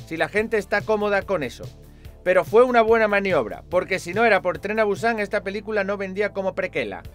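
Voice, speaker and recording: A man's voice: high-pitched, fairly bright tone. A man hosting a casual vlog, answering viewer comments with sarcasm. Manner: sarcastic, mocking voices of commenters. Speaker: video host answering comments.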